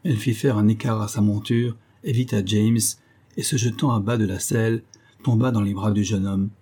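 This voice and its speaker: A man narrating an audiobook in a steady, measured reading. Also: lowish voice, breathy edge.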